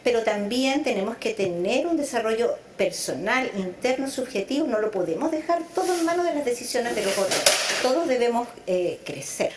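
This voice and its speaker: A middle-aged Chilean psychologist who grew up in Venezuela talks thoughtfully as an interview guest, drawing out words for emphasis. Her fairly high voice is very animated, at normal speed with few pauses. The room sounds roomy and the background is noisy.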